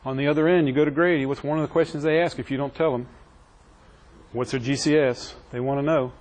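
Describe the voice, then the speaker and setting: A man's voice: fairly high pitch, steady tone, quick pace, darkish tone, low-quality recording. Man, EMS instructor, conversational teaching, joking with the class. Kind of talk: classroom training lecture. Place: training classroom.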